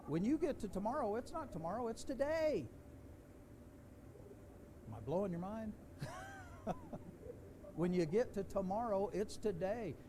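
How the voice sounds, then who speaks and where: A man's voice: on the high side, noisy background. A man preaching a sermon in a church, folksy and conversational, building to emphatic questions. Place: church sanctuary.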